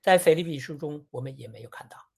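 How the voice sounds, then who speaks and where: A preacher giving a sermon on a Bible passage in a measured, teaching tone, often posing rhetorical questions. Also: medium pitch, creaky, a little mellow, breathy edge.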